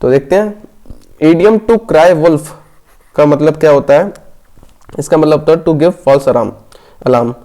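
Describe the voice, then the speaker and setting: Fairly high and mellow, the man's voice belongs to an exam prep teacher reviewing exam questions in Hindi. He reads slowly, explains each answer, and checks in frequently with "theek hai."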